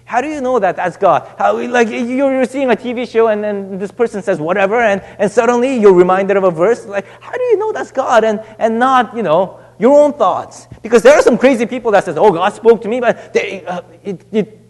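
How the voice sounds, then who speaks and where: A man's voice: high voice, expressive, a little fast. A young adult man preaching a sermon in a church. He talks in a loose, conversational way, with many restarts and fillers. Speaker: pastor. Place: church sanctuary. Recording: long church hall reverb.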